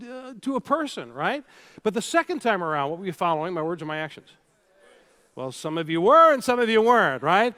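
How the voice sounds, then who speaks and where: Animated high-voiced man giving a keynote. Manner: animated, leads audience drills. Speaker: keynote speaker. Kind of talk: storytelling keynote speech. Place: large hall before a live audience.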